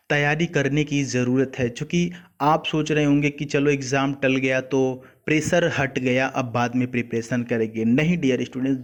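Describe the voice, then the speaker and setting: Patient male exam tutor. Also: medium pitch. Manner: patient, explanatory, addresses dear students, repeats meanings. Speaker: exam prep teacher. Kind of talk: vocabulary lesson explaining word meanings.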